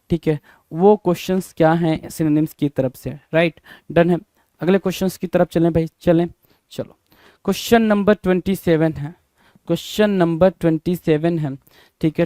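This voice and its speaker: Casual male vocab tutor, drills and spells words, mellow smooth tone, dry close recording. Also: fairly high pitch, dry recording. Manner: repeats words, spells them out letter by letter, asks and answers himself; informal, addresses students as brother. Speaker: English vocabulary teacher. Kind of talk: exam-prep lesson, call and response.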